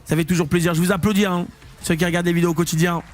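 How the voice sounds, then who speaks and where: Excitable high-voiced male slot streamer. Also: rapid-fire. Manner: excitable, slangy, swings between muttering and loud hype. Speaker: online casino streamer. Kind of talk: live slot-stream commentary.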